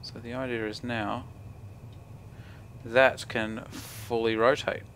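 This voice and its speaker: Young kiwi guy, broad nz accent, gravelly lowish voice, laid back mumbly gaming commentary, bit of background noise. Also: little pitch movement, slow pace, fairly bright tone. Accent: broad New Zealand. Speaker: gaming video creator. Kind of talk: casual gameplay commentary, thinking aloud. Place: indoor room at home.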